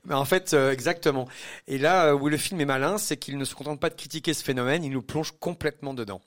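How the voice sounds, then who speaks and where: A man's voice: a little high, quick pace, fairly bright tone. A man reviewing a film on the radio, casual and chatty, with many fillers and easy laughs.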